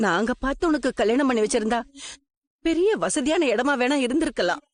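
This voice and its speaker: A middle-aged actress playing a gentle, worried mother who soothes her sick husband and pleads with their daughter in a TV serial. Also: high voice, animated, brisk, dry recording. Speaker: wife and mother. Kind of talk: TV serial acting.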